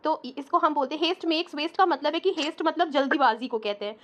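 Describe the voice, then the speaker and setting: High-voiced woman teaching English grammar. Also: a bit bright. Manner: patient, explains step by step, switching between Hindi and slow English examples. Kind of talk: bilingual English grammar lesson.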